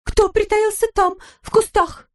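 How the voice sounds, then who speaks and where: A woman reading aloud, voicing a melodramatic stage countess who wails slowly and theatrically. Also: high voice, voice pushed up. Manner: slow, drawn-out theatrical wailing.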